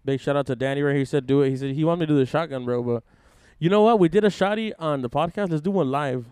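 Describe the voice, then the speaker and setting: A man in casual podcast chat, upbeat and giving shout-outs. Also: on the high side, fast, clear, resonant tone, no room sound, clean studio sound.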